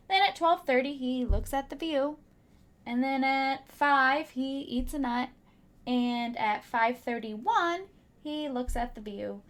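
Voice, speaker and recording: A woman teacher with a high voice reads a children's picture book aloud, using dramatic emphasis and hushed asides to her young listeners.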